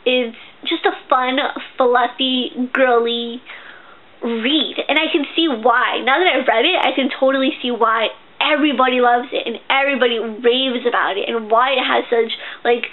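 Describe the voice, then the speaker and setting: A woman's voice: on the high side, normal speed, a little hiss or hum. A young woman casually reviewing a book, chatty and gushing, with lots of fillers and restarts. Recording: tinny, phone-like sound.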